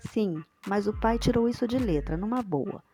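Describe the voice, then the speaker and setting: A woman's voice: mid-range voice, animated, moderate pace, warm tone, close to an everyday voice. A woman reading out the lines of a young woman who manages a music duo, in her own plain voice. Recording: background music under the voice.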